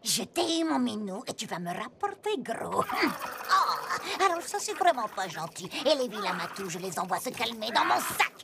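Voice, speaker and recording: A woman's voice: on the high side, very animated, normal speed, vocal fry, very noisy. A woman voicing a scheming, gloating female cat-thief villain in a cartoon, with a purring, theatrical manner. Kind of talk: cartoon dubbing.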